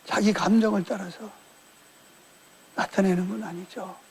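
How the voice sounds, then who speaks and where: A man's voice: high-pitched, fairly even intonation, measured pace, gravelly, a little hiss or hum. A male pastor preaching a sermon in a colloquial storytelling way, acting out quoted dialogue as he retells events.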